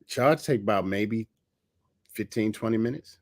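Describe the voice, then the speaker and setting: Low-voiced easygoing man in his fifties. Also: unhurried, slight background noise. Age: 50s. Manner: relaxed, easygoing, affirming listener. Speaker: host. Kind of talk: casual chat. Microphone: video call.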